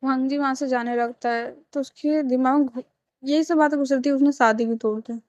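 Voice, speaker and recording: A young woman tells a fan fiction story, speaking all the characters' lines in her own voice with plain emotion. Her voice sits high. It is recorded close and dry, with no room sound. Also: fairly even intonation, fairly quick, a little mellow, dry recording, lo-fi sound.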